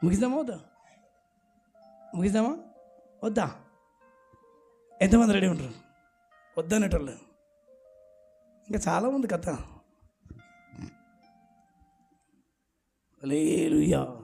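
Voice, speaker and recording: A man with a high, gravelly voice preaches an emphatic sermon, pressing the congregation to shout back their answers. Faint music plays behind him in the church. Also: lively intonation, takes it slowly, long pauses. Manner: exhorting, urging the congregation to answer aloud. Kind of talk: emphatic sermon with call-and-response. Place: church at a night service.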